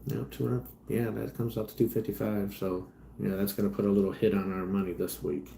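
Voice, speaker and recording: A man's voice: fairly low pitch, little pitch movement, brisk, creaky, a little hiss or hum. Chatty man in an echoey room. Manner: rambling, chatty, trails off quietly. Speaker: livestream host and delivery driver. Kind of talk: casual livestream chat reading comments.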